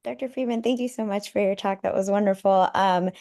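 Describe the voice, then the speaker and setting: A woman doctor adds her experience after a talk, speaking in a measured, complimentary way. Her delivery is flat and even. Her voice is creaky and gravelly. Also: mid-range voice. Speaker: pediatric dermatologist.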